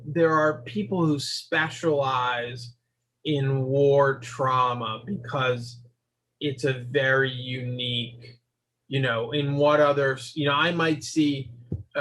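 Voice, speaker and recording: A man speaking as a psychotherapist guest in an interview, explaining his ideas in a measured way. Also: mid-range voice, a bit bright, low-quality recording.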